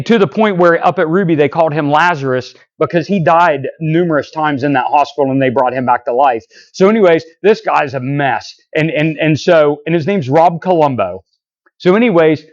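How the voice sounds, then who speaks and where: Rambling preacher man, dull lo-fi sound. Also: a little high. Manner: rambling, repeats "so anyways" and restarts, acts out quoted dialogue. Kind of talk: sermon storytelling. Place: church.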